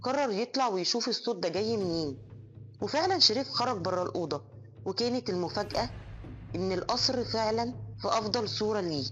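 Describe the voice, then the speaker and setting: A woman with an Egyptian accent narrating a horror story in a brisk, suspenseful storytelling manner. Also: medium pitch, bright, forceful tone. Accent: Egyptian Arabic. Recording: dull lo-fi audio. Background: faint music.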